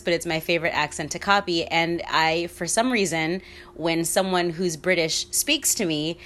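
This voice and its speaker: A woman in her thirties hosts a solo podcast, rambling candidly, swearing freely and laughing often. Her voice sits on the low side with a fairly bright tone.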